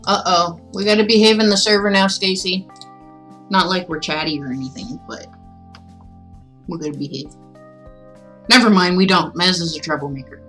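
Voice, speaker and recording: With a lowish voice and soft music in the background, this livestream host reads classic tales aloud in a measured, expressive way. In between, she chats casually and playfully.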